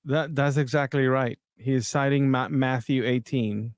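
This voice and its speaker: A man's voice: mid-range voice, fairly even intonation, normal speed, dry recording, clean studio sound. A man hosting a podcast, talking casually and a bit hesitantly as he comments on video clips. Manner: conversational, hesitant, with restarts. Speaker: podcast host.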